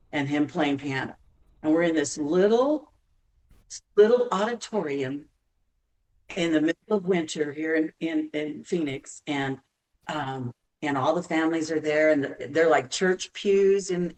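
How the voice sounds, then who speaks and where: A woman from Arizona, a singer guest on a podcast, telling long stories with halting restarts. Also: deep voice, far from the mic, poor audio. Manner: halting, many restarts, laughs while telling. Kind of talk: podcast interview storytelling.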